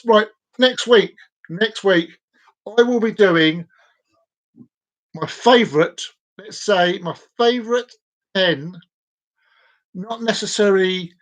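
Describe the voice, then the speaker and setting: A man in his forties hosting a casual live stream, chatting playfully with viewers and repeating his words as he rambles. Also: high voice. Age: 40s.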